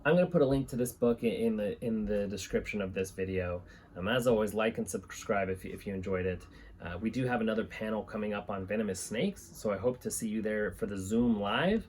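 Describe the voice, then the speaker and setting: Talking informally to camera, this thirty-something host of a reptile-keeping channel reads from a book in a lowish, darkish voice at a fairly quick pace. Clear room noise surrounds him in a small indoor space with a fan and reptile enclosures.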